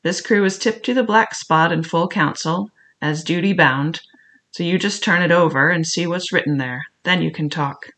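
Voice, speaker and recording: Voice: mid-range voice, moderate pace, a bit bright, lightly acted. A reader voicing a pushy male pirate who speaks curtly and challenges his captain. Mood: defiant. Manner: curt, challenging. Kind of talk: audiobook character reading.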